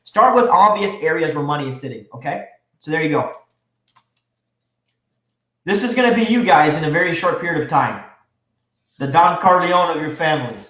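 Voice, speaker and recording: A man teaching a live real estate seminar, energetic and quizzing his audience with questions. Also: a little high, moderate pace, long pauses. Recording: echoey room, dull lo-fi sound.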